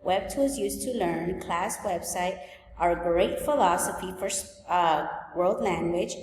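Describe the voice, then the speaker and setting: A woman in her forties from El Salvador, a high school teacher, walking through her class rules and agenda in a clear, list-like way. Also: takes it slowly, darkish tone, a little hiss or hum. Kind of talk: recorded open house presentation. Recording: echoey room, long reverb.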